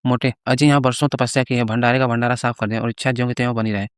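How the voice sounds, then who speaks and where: A greedy, boastful old-school priest, as a man reading the story plays him, bragging and coaxing in a steady, mid-pitched voice. The voice is clear and resonant, recorded dry and close. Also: rapid-fire, no echo, natural voice.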